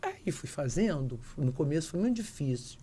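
Older woman telling lively anecdotes. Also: sits low, normal speed, breathy edge. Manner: lively anecdotes, acting out quoted voices. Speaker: actress, interview guest. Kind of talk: casual interview storytelling.

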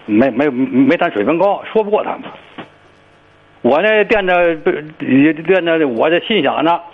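An older man in his sixties with a Tianjin accent and a gravelly, somewhat high voice, stumbling and restarting as he explains his trouble. He comes through a dull, lo-fi call line. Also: lively intonation. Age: 60s. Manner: halting, stammering complaint. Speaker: caller. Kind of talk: phone-in call.

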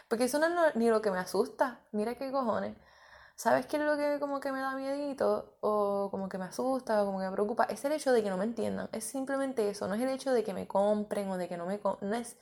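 A woman, hosting a casual podcast monologue as a mindset coach, candid and expressive, dropping in English words and swearing freely. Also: medium pitch.

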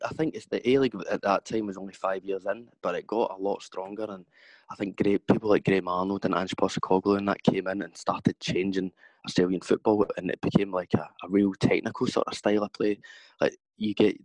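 A man's voice: low-pitched, steady tone, brisk, darkish tone, no room sound, rough recording. A man in his thirties with a broad Scottish accent, chatting casually as a former footballer being interviewed about his career. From Scotland.

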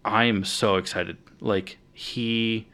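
A man with a fairly low voice chats excitedly about superhero films as a podcast co-host. He jokes around and swears casually. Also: slow.

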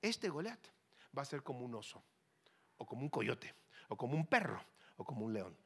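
A man preaching a lively sermon with a Mexican accent, swinging from soft to loud and acting out voices. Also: medium pitch, normal speed, slightly rough.

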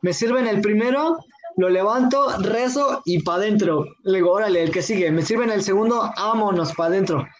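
A Mexican man with a fairly high voice tells a story in easy, slangy chat. He acts out the lines of the people in it as he goes. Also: moderate pace, highs cut off. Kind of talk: casual chat, telling a drinking anecdote.

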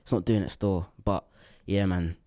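A man's voice: low voice, steady tone, normal speed, dark tone. A young man with a London accent hosting casual group banter, slangy and insistent, often repeating himself. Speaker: host leading a group discussion.

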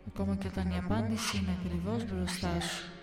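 A menacing wolf creature from a horror story calls out loud and slow, as a woman reader puts it on. It sounds bitter and cryptic, with faint music playing under the voice. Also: medium pitch, steady tone, reverberant, recorded from a distance, natural voice. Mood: ominous.

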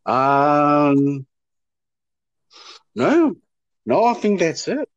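A man, an actor answering interview questions in a halting way that often repeats words. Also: fairly high pitch, big pitch swings, dry recording, dull audio. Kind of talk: casual interview chat.

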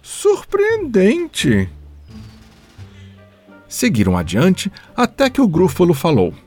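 Guy reading a kids picture book slow and bouncy, a bit breathy, kinda high voice. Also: sing-song, darkish tone, faint music behind. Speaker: podcast storyteller. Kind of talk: storybook read-aloud.

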